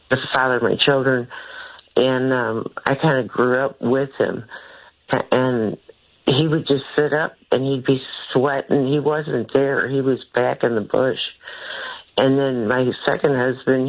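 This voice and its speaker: A woman from St. Louis, calling in over a phone line, talking in a halting, rambling way that trails off mid-sentence. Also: a bass voice. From St. Louis, Missouri. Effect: heard over a phone line. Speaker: caller. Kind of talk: call-in radio talk.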